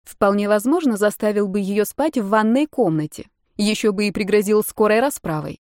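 A woman narrates an audiobook in an even storytelling manner, reading scripted text at a moderate pace and medium pitch. The studio sound is clean, with no room sound.

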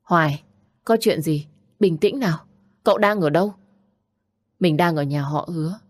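A steady young wife who keeps her head and speaks firmly, read by a woman narrator. Her voice sits low and sounds dry and close. It is an audiobook character. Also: moderate pace, no room sound. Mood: gentle. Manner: soothing, firm. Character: calm, loyal young wife.

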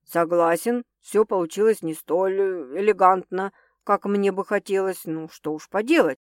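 Here a woman takes on the role of a rich, composed, confident man, pitching her voice slightly lower than when she narrates. His speech is measured with a faint condescension, lightly acted, in studio quality with no echo.

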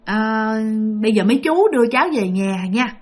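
A woman's voice: a little high, lively intonation, brisk, lightly acted. A woman with a Southern Vietnamese accent voicing older male workers who scold and question a possessed woman. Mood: stern coaxing.

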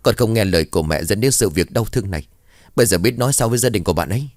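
A worried, scolding village mother speaks in hurried bursts, with a man putting her on. The voice stays low and close, with a dry sound. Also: expressive, dry recording, close to an everyday voice.

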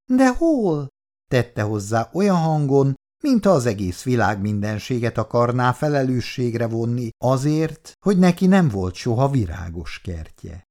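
Man narrating a 1960s radio play, measured storytelling voice, lively pitch. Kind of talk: scripted narration for radio drama.

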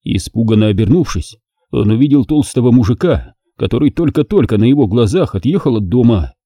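Male crime audiobook narrator, lively expressive delivery, dry close sound. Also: mid-range voice, fairly quick, no echo. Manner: dramatic, expressive reading.

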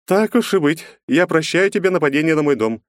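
A man voicing a brisk, caring young heroine who speaks in quick exclamations, in a storybook reading. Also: on the high side, animated, dry recording, voice pushed up, close to an everyday voice.

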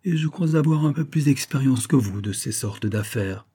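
Man voicing an assured, seasoned gentleman. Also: medium pitch, lively intonation, moderate pace, breathy edge, voice pushed up. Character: experienced older male gentleman, self-assured.

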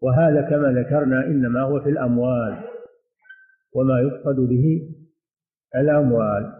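A man teaching a religious lesson and answering questions, speaking in a measured way and often repeating his phrases. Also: medium pitch, steady tone. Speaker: sheikh teaching hadith commentary. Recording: echoey room over a tinny phone-like line.

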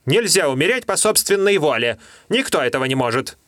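A man's voice: a little high, sing-song, brisk, a bit bright, dry recording, studio quality, pitched above the performer's own voice. A man voicing a small, loyal creature who speaks sharply and insistently in an audiobook. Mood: alarmed.

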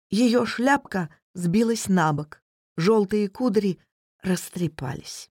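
Brief: unhurried story reader, mid-pitched voice, dry close recording. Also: a little mellow, dry recording. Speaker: audiobook reader. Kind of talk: scripted narration.

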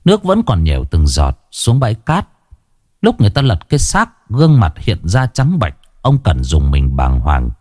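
A man's voice: on the low side, wildly swooping pitch, moderate pace, a little mellow, no echo, clean studio sound. A man telling a horror story in dramatic, suspenseful scripted narration.

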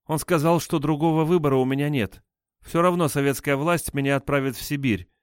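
A man's voice: fairly high pitch, brisk, clean tone, no echo, pitched above the performer's own voice, natural voice. A scared young woman stammers out her answers in a raised, pleading voice, as a male narrator puts her on. She sounds flustered and hesitant, and the recording is dry and close. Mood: frightened. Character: frightened young woman under interrogation.

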